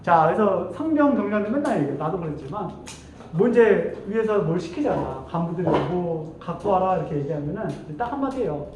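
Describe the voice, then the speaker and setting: A man's voice: high voice, expressive, a little fast, darkish tone. A male teacher telling his class a playful story, acting out quoted voices and laughing often. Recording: echoey classroom from far off, faint noise.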